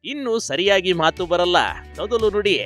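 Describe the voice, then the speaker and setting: A man narrates a news feature in a high, bright voice that carries an emphatic, dramatic push. His scripted delivery mixes in folksy asides to the viewer, with faint music underneath. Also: normal speed.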